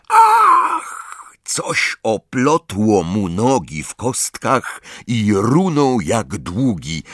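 A man's voice: on the low side, fairly bright tone, no room sound, clean studio sound. A man narrating an audiobook in scripted, vivid storytelling style. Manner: vivid storytelling, voicing each character.

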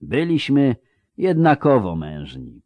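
A man's voice: medium pitch, wildly swooping pitch, slow, darkish tone, no echo, voice pushed up. A man reading a proud woman veteran.

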